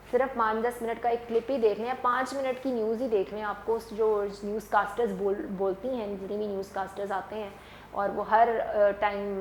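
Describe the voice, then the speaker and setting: A woman teaching an English grammar lesson, explaining patiently and switching between Hindi and English as she repeats example sentences slowly. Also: on the high side, roomy sound, slight background noise, low-quality recording.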